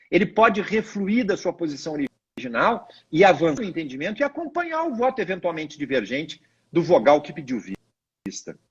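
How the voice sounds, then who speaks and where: A man with a somewhat high, husky voice explains points in a didactic, emphatic manner, his pitch swinging widely as he stresses words. He is a lawyer guest on a live video chat. The audio is dull and lo-fi.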